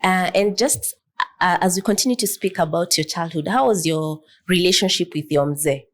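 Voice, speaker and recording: A woman's voice: on the low side, normal speed. A young woman from Kenya hosting an interview, asking poised questions and opening the episode. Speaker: podcast host, lawyer.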